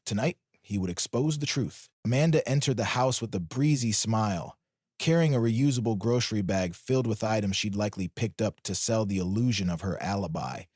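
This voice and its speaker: A man reading a scripted drama story aloud in a steady storytelling manner. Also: lowish voice, fairly quick, slightly rough, dry recording, studio quality. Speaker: narrator.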